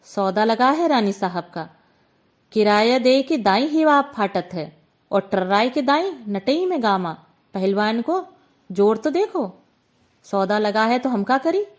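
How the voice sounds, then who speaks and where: A woman doing a shrill scolding older village woman. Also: expressive, slow pace, pauses often. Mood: taunting. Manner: loud, scolding, rustic dialect.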